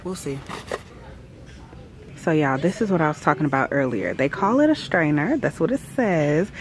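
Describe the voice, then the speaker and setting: A woman's voice: low-pitched, expressive, moderate pace, low-quality recording. A woman in her thirties from Georgia, chatting casually and slangily to her viewers while running errands. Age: 30s. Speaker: vlogger. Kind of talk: casual vlog chat. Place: out and about on errands, car and stores.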